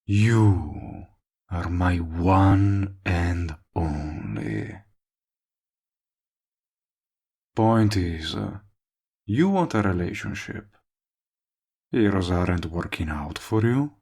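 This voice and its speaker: In a romantic comedy audio drama addressed to the listener, a male voice actor plays a smug, lovestruck villain who courts the listener in a low, slow, darkish voice with a creaky, gravelly edge. Possessive, persistent and wryly comic, he delivers flirty, boastful lines in a smooth-talking way, drawing out words for emphasis in a full character voice.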